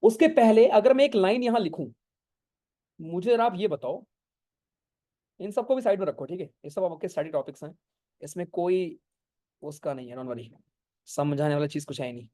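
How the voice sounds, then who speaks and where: A male geography teacher giving an online exam-prep lecture, explaining slowly with many English terms, often checking whether students follow and scolding them for going off topic. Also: high-pitched, warm tone. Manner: mixes English terms into speech, keeps asking if it is clear. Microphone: no earphones, talking to an online class.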